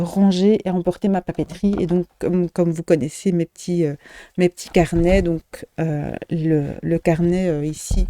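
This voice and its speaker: A woman's voice: fairly low pitch, warm tone, no room sound. A middle-aged woman shop owner chatting casually in a show-and-tell vlog, hesitating often with fillers and restarts.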